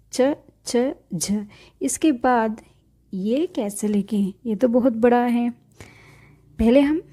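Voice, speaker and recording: Woman, patient teacher, repeats letters, high-ish mellow voice. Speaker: language teacher. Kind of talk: step-by-step writing lesson.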